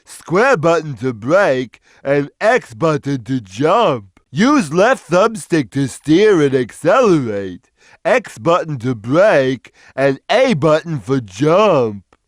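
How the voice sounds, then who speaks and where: Game role: big gentle simple cat, earnest, swinging widely in pitch, dry close recording. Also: male voice, big pitch swings, no room sound. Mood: helpful, calm. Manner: slow, simple, earnest delivery. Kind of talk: video game character lines.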